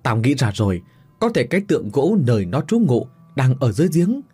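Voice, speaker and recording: A man's voice: medium pitch, very animated, a little fast, breathy edge, faint music behind. A man playing an anxious young official. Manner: shouting, anxious. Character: young male official, anxious and quick-thinking.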